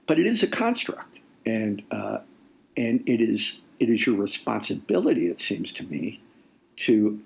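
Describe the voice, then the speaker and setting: A nonfiction author appears as a podcast guest in a conversational interview, explaining things deliberately and repeating phrases for emphasis. His voice sits on the low side, gravelly and a little mellow, and the recording quality is low.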